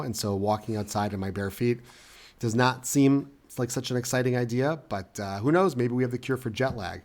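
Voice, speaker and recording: A man hosting a podcast interview, upbeat and chatty, warmly welcoming his guests. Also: mid-range voice. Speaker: podcast host.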